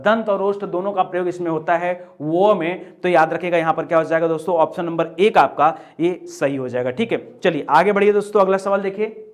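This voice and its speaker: A male Hindi grammar teacher working through an exam quiz, repeating each answer and checking in with the class again and again. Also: high voice. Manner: drills answers with repeated "ठीक है?" and "दोस्तों". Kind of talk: exam prep lesson.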